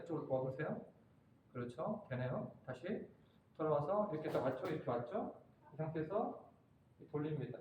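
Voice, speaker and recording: A man instructor leading a hands-on workshop demonstration, directing and coaching volunteers. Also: fairly high pitch. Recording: very echoey room, faint room noise.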